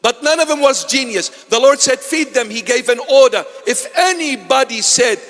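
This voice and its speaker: A man preaching a sermon as a bishop, swinging from loud exclamations to hushed asides with wry humor. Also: extremely high pitch, expressive, moderate pace. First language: Assyrian. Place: church. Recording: long church reverb.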